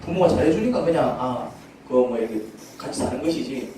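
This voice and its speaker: A man's voice: mid-range voice, animated, a little fast, warm tone, heavy reverb, distant mic, slight background noise, poor audio. A male pastor preaching a sermon in a church, speaking conversationally and asking the congregation many questions. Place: church sanctuary.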